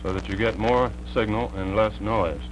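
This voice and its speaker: A man, an electrical engineer, explaining a technical demonstration in a measured, plain way, heard as a 1950s TV broadcast. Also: fairly low pitch, steady tone, noisy background. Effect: 1950s TV broadcast sound.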